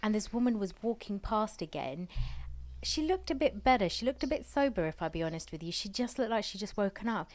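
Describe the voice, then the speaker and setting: A woman's voice: mid-range voice, animated, brisk, a little mellow. A young woman telling a story in a casual, rambling way, with lots of fillers and restarts. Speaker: podcast host.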